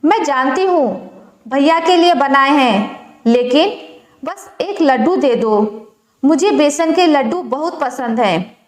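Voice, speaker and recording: Storybook little girl, plaintive and pleading, high and slow, as a woman narrator puts her on, echoey room. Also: lively intonation.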